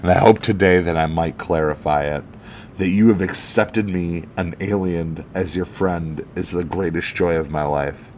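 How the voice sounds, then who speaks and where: A man reading out the earnest, measured public speech of a heroic male alien superhero. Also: low voice, darkish tone, a little hiss or hum, lightly acted. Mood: solemn. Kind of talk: reading a comic speech aloud.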